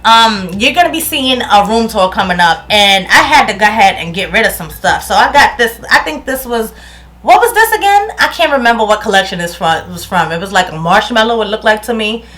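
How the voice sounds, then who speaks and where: A woman in her thirties, a New York beauty vlogger with the accent to match, chats indoors at home about a product she's reviewing. She speaks at medium pitch with lively intonation, a little fast and fairly bright, laughing often and stumbling into restarts.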